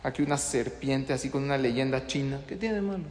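A man's voice: medium pitch, fairly quick, darkish tone, a little hiss or hum. A middle-aged man, a rabbi, gives a sermon in a synagogue, telling a story with lots of rhetorical questions. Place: synagogue study hall. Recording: long reverb in a hall.

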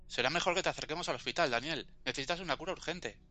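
A man's voice: fairly high pitch, racing, close to an everyday voice. A man from Spain acting a reluctant, grumbling friend in a radio drama. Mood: uneasy. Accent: Spanish from Spain. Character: reluctant, uneasy young adult male friend. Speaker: friend at a Christmas gathering. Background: faint background music.

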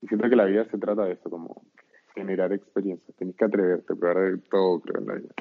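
In a casual chat, a young man with a Chilean accent tells stories in talkative, slang-filled speech, his low voice steady in tone and fast. The line sounds tinny, like a phone.

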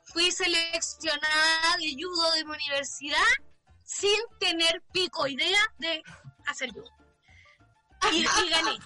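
Woman, Chilean accent, very high pitch, bright sharp tone, animated storytelling, casual swearing. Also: a little slow, faint music behind. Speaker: guest.

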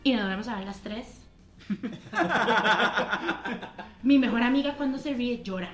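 A woman from Costa Rica with a Costa Rican accent, telling a story in animated, slangy casual chat. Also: on the high side, measured pace, faint music behind. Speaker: podcast co-host. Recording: echoey room.

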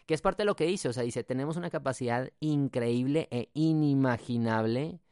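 A man's voice: medium pitch, normal speed, darkish tone, smooth, dry recording, studio quality. A man with a Mexican accent hosting a podcast, talking in a casual, reflective monologue, slipping in English phrases and tag questions. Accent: Mexican Spanish. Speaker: podcast host.

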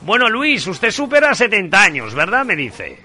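A radio host making a live prank call, posing as an official and insistently repeating himself. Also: male voice, sits high, huge pitch swings, normal speed, pushed and bright, slight background noise.

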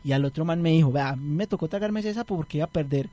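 Young male co-host, high voice, dry close mic, quick with jokes. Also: dark tone, no echo. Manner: joking, teasing. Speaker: radio show co-host. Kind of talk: casual chat.

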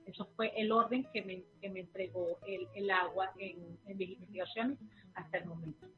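A Venezuelan woman, a therapist and guest, answering interview questions quickly, with many fillers and restarts. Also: medium pitch, fairly even intonation, faint music behind. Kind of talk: remote interview. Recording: tinny phone line.

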